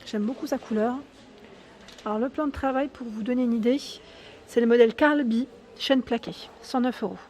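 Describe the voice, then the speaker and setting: A woman's voice: on the high side, moderate pace, a little mellow, a little hiss or hum. A woman giving an enthusiastic, chatty walkthrough vlog in a furniture store showroom, often tagging "hein" and correcting herself. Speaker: YouTube vlogger.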